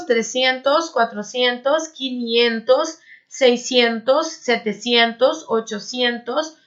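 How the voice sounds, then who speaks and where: A woman teaching a Spanish class to high school students, explaining step by step and checking in with quick tag questions. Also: a bit bright, highs cut off. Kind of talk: online class lesson.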